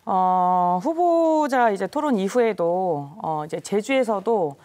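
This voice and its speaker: A woman with a Jeju accent, a party election co-chair, answering interview questions in a measured, formal way with many hesitant fillers. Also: mid-range voice, animated, mellow. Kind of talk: current-affairs interview answers.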